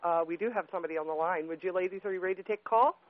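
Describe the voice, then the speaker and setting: A man hosting a casual internet radio show, playful and quick to laugh. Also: high-pitched, no echo. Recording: tinny phone-like internet radio audio with faint noise.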